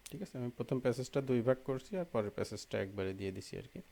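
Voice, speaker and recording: A man's voice: mid-range voice, racing, gravelly, dark tone. A young man teaching a language lesson, patiently explaining pronunciation rules and often checking that students follow. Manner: patient, repeats terms and checks understanding often. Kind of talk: explaining Korean grammar and pronunciation.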